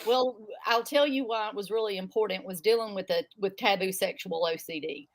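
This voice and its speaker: In a low-quality recording, a woman in her fifties from the southern United States talks fairly quickly in a mid-range voice with a thick American Southern accent. She is a mental health advocate appearing as an interview guest, sharing her personal experience in an open, rambling way.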